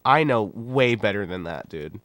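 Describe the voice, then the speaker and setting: A YouTuber and streamer in his twenties rambles bluntly through casual livestream commentary, his voice nasal and stuffy from a cold. It's fairly low but bright and expressive, at a normal speed, with no room sound.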